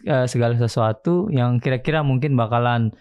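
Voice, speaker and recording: A man from Indonesia, here as a podcast guest, tells his story loosely and casually in slangy speech. His voice sits at an ordinary middle pitch, and he delivers the telling with lively energy. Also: brisk, clean tone.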